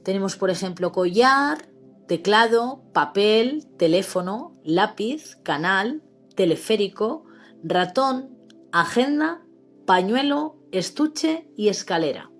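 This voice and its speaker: A woman with a Spanish accent from Spain teaching a slow, patient literacy lesson, spelling words out syllable by syllable. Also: medium pitch, animated, soft background music. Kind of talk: explaining grammar lesson.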